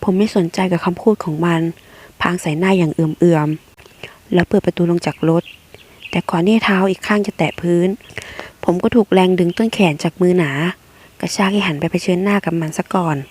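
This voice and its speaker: A woman's voice: fairly low pitch, steady tone, moderate pace, darkish tone, slightly rough. A woman reading a romance web novel aloud, narrating in a blunt, slangy first-person voice. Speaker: audiobook reader.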